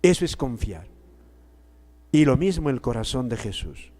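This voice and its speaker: A male priest giving a sermon, preaching slowly and emphatically, repeating key words with pauses between phrases. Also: mid-range voice, big pitch swings, dark tone. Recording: long hall reverb.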